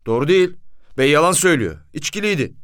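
A man's voice: fairly high pitch, sing-song, quick pace, a bit bright, no echo, studio quality, voice pushed up. Man doing a defiant lying taxi driver.

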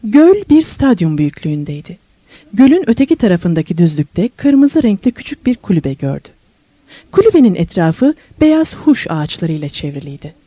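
Expressive woman reading a novel aloud. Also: fairly low pitch, husky, dry recording. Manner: expressive storytelling, slows and rises for wonder and questions. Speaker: audiobook narrator. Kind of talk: scripted novel narration.

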